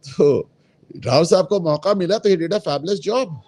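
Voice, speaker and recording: A man's voice: sits high, warm tone, dry recording. A man speaking as a guest in a political discussion, emphatic and opinionated, dropping English phrases into his talk. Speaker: guest commentator.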